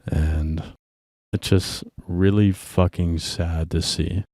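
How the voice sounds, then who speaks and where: A man's voice: deep voice, fairly even intonation, slow pace, a little mellow, dry recording, clean studio sound. A tired young man hosting his own music show, talking casually in a profane, rambling way. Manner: profane, laid-back rambling. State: tired and drinking. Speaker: host. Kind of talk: casual solo music commentary.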